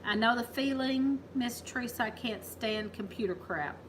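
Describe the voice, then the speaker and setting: A woman's voice: fairly high pitch, normal speed, a little hiss or hum, rough recording. Chatty woman hosting a farm livestream. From Kentucky, USA. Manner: chatty, laughs easily, teasing. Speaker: farm channel host. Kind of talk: casual livestream chat.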